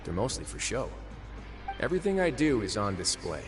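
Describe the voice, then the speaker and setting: A calm, authoritative duke with a fairly low voice. He speaks formally and with dry wit, as in anime game dialogue, with music playing behind. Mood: wry, reflective. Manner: measured, wry, formal. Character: composed, wry adult duke in charge of guards. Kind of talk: anime video game voice acting.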